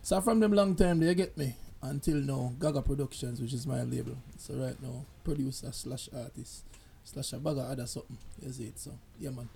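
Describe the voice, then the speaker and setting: A man's voice: medium pitch, brisk, vocal fry, few pauses, warm tone, a little hiss or hum. A man, a guest artist chatting casually in slangy speech with frequent tag phrases. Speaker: music artist and producer, interview guest. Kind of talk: casual interview chat.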